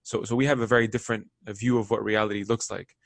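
A man's voice: fairly low pitch, little pitch movement, vocal fry, dry recording. A young man from Lebanon hosting a podcast interview, talking casually and friendly. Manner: quick, casual, friendly, repeats words. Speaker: podcast host.

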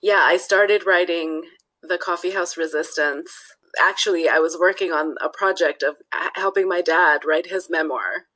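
A woman from Nepal speaking as an interview guest, her voice sitting on the lower side. She talks reflectively and at an easy pace, pausing to restart phrases and dropping in "you know" as she works out her answers. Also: bright, forceful tone, low-quality recording. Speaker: guest author. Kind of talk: casual interview talk.

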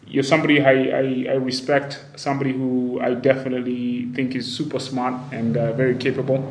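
A man's voice: medium pitch, little pitch movement, fairly quick. A man hosting a casual interview, informal and often restarting as he searches for words. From Kenya. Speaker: podcast host. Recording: roomy echo, faint background noise.

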